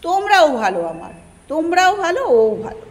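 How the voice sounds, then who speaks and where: A woman's voice: extremely high pitch, very animated, a little fast, long reverb tail. A woman talking to her dogs outdoors in coaxing, sing-song baby talk. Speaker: dog owner filming her pet. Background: dogs barking.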